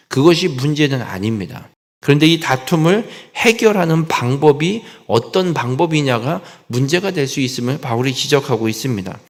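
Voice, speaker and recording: A man's voice: a little high, in a large hall. A male pastor preaching an expository sermon, earnestly reading scripture aloud and stressing key words.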